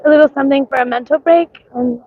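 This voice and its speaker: With a high-sitting voice and a quick pace, a woman with a mixed accent, hoarse from coughing, rambles through a casual livestream chat at an outdoor street parade. She says um a lot and greets viewers by name, all over narrow, tinny audio.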